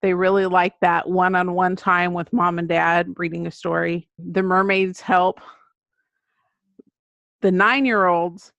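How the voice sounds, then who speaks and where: Her lowish, slightly bright voice carries no room sound as this American children's book author talks earnestly and conversationally, explaining things as a podcast interview guest. The audio itself is muffled and dull, lo-fi quality.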